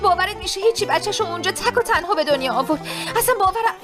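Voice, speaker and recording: A woman's voice: very high-pitched, music in the background. A woman voicing a chatty young daughter telling her mother a long story in a dubbed drama. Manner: lively storytelling, quoting others.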